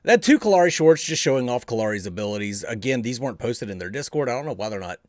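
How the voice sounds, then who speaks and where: A man's voice: mid-range voice, expressive, fast talker, dry recording, clean studio sound. A bearded man hosting a casual live-streamed gaming talk show, joking and laughing as he goes. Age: adult with beard. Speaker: podcast host.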